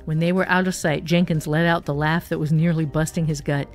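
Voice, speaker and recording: A woman's voice: a little fast, soft background music. A woman narrating a short story, giving the characters their own voices. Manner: expressive, voices characters with raised pitch.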